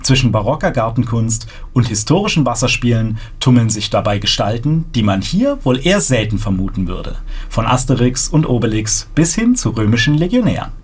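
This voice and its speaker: Husky-voiced male news anchor. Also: medium pitch, sing-song, fairly quick. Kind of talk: scripted news presenting.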